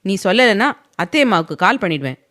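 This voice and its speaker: A woman's voice: mid-range voice, sing-song, a bit bright. A woman reading an angry young husband. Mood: angry, scolding. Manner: fast angry scolding. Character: short-tempered young husband, harsh and scolding.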